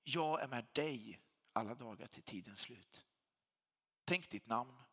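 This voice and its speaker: A man's voice: mid-range voice, pushed and bright, husky. A man preaching a sermon as a pastor, speaking with emphasis and repeating key phrases for weight. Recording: long hall reverb.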